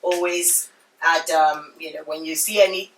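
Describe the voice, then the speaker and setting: A woman's voice: deep voice, fairly even intonation, normal speed, a bit bright, reverberant, far from the mic, a little hiss or hum, low-quality recording. A woman guest on a radio show, explaining casually with many "you know"s. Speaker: studio guest, sauce company founder. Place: radio studio.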